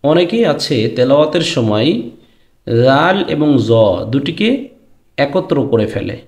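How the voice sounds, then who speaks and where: A man teaches Quran pronunciation in a slow, deliberate way, speaking directly to his students. His voice is gravelly, and he draws out each letter name in a chanted tone. The recording has a noticeable room echo. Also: a little high, sing-song, darkish tone. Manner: drawn-out chanted letter names between explanations. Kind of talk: pronunciation lesson. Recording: echoey room.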